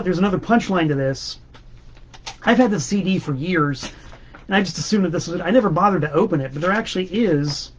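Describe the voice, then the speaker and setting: A man's voice: on the high side, highs cut off. A man hosting a casual monologue about records, enthusiastic and rambling, with emphatic repeats. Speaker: host.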